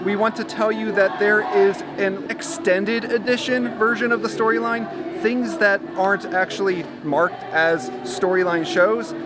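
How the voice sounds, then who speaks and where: A man with a fairly high voice hosts a guide video in casual, explanatory talk. He is recorded outdoors with clear background noise around him. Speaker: host of a festival guide video. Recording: noisy outdoor urban ambience.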